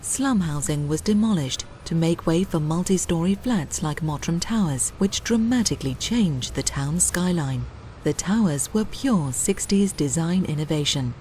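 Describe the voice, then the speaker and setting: A woman's voice: sits low, lively intonation, moderate pace, dark tone, a little hiss or hum. A woman reading scripted narration for a historical documentary.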